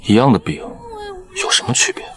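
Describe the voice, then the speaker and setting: A man voicing a gruff, protective male guardian in an animated drama, speaking in curt, clipped lines. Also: medium pitch, a little fast.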